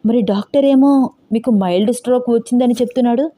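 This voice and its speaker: A woman's voice: on the high side, quick pace, mellow, pitched above the performer's own voice, close to an everyday voice. A woman voicing a worried young woman who pleads with her grandmother. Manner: fretful, pleading.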